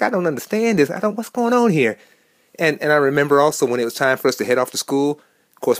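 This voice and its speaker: A man's voice: medium pitch, no room sound, clean studio sound. A middle-aged man hosting a short devotional podcast in a casual, folksy, chatty way, laughing often as he tells stories. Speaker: podcast host.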